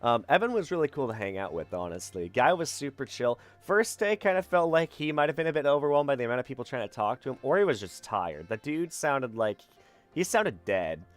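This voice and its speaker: A man's voice: mid-range voice, very animated, fairly quick. Rambling young man, tired stream chat. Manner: rambling, many fillers and self-corrections. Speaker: VTuber streamer. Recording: faint background music.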